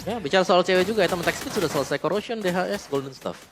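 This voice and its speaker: A man works as an esports analyst caster. He talks fast in a slightly high voice, explaining the match in a chatty way. Loud music runs behind him. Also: lively intonation.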